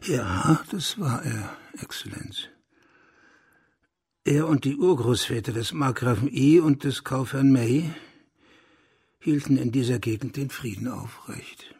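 In a German radio drama, an actor plays a burly, broad-shouldered hunter with a very husky, rough, gravel-crackling mid-range voice. He rambles on in an earthy, blunt way, like a talkative country gentleman.

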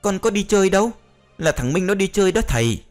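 A man voicing an excitable young boy apprentice who yells in excitement. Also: sits high, quick pace, faint music behind, pitched above the performer's own voice. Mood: excited. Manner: excited, yelling.

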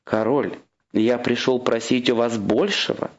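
A man reading a storybook and voicing a cunning little grey man disguised as a monk, smooth and persuasive. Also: mid-range voice, a little slow, highs cut off, natural voice. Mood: cool.

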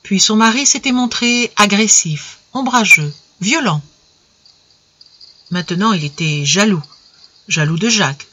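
A woman reading a classic short story aloud with measured narration. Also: medium pitch, animated, bright, forceful tone, highs cut off, slight background noise. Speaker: reader.

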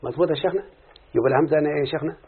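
A man's voice: fairly high pitch, racing. A man with an Egyptian accent works through an Arabic grammar lesson step by step and keeps checking with his teacher. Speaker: student reciting a grammar lesson. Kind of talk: Arabic morphology lesson, question and answer. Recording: tinny phone-like recording.

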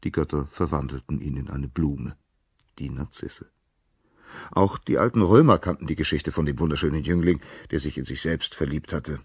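A man with a very deep, slightly husky voice narrates a myth in a calm and measured way. The recording is dry and close, with no room sound at all. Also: dry recording. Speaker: storyteller.

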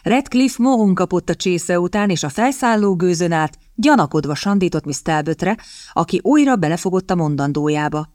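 A woman reading an audiobook in scripted narration, in a measured, even storytelling manner. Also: lowish voice, no echo, clean studio sound.

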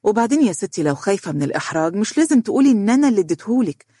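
A persuasive young office boss with an Egyptian accent, voiced by the narrator of an audiobook, talking quickly and coaxingly. The sound is dry and close. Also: mid-range voice, big pitch swings, warm tone, husky, no echo, pitched above the performer's own voice. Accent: Egyptian Arabic.

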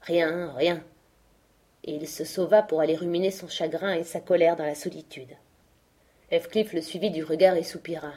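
A woman's voice: steady tone, a little fast, warm tone. A woman reading a classic novel aloud as scripted narration, raising her voice for the quoted speech. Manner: lifts her pitch and volume for quoted speech. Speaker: audiobook reader.

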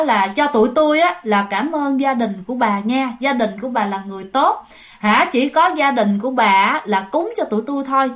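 A woman voicing a grateful female ghost who speaks for a crowd of the dead, in a lower, halting, thankful way.

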